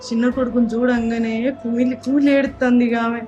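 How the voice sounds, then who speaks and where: A woman's voice: fairly high pitch, little pitch movement, brisk, lo-fi sound, music in the background, close to an everyday voice. An actress playing a worried daughter-in-law with a Telangana Telugu accent, urging her relatives to stay brave. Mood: anxious. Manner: urgent, pleading. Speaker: actor in a family drama.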